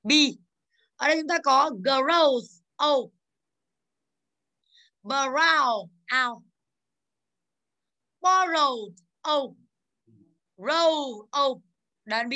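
A woman's voice: high voice, lively intonation, extremely slow, long pauses, sharp tone. A woman in her thirties from Vietnam, an English teacher going over exercises with her class in a classroom, calling on students by name and drilling pronunciation.

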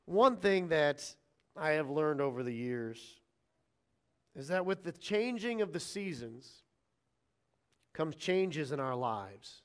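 A male pastor preaching a sermon in an animated, conversational way, acting out scripture dialogue and chatting with the congregation. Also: on the high side, slow, pauses often. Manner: animated, acts out quoted lines with shifting voice.

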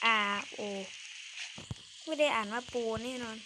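A woman's voice: fairly high pitch, a little slow, background noise. A female game channel host talking through her play in casual, chatty commentary and exclaiming at what happens on screen.

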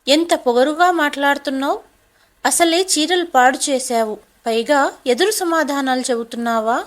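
A woman voicing an angry, bossy young wife who scolds and shouts in a storybook drama. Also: sits high, moderate pace, close to an everyday voice. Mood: angry scolding.

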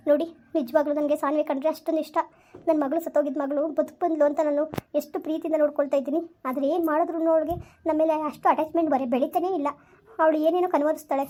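A woman host acting out an anxious, possessive mistress of the house in an amateur family drama. Her voice is high and her speech quick and fretful. She turns to her viewers to ask for support. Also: a little mellow. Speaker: channel host and actor.

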